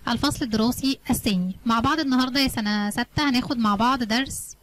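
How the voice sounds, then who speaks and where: A woman's voice: a little high, fast, a bit bright. A woman teacher with an Egyptian Arabic accent explaining a math lesson to her students, asking them questions and answering them herself in a coaxing, colloquial way.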